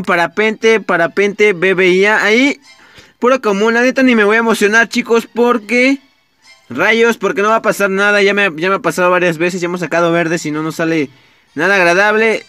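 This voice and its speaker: This young gaming YouTuber speaks with a Mexican Spanish accent, and his voice is high and smooth with no echo. He gives casual, excitable gameplay commentary, swears often, and addresses his viewers directly.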